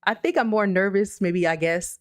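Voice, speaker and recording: A woman of medium pitch and normal speed hosts a casual livestream, using a computer microphone in her streaming setup. She chats loosely and reassuringly while reading out comments from viewers.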